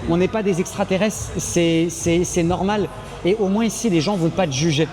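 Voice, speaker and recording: A man's voice: high voice, moderate pace, darkish tone, faint music behind. A young French man, an expat coach, chatting casually and emphatically with many restarts. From France. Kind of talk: casual chat and home tour.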